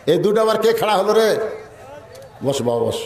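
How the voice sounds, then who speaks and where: A man giving a humorous sermon at a religious gathering, chanting slogans loudly and acting out village characters. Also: high voice, big pitch swings, moderate pace, reverberant, noisy background. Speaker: preacher.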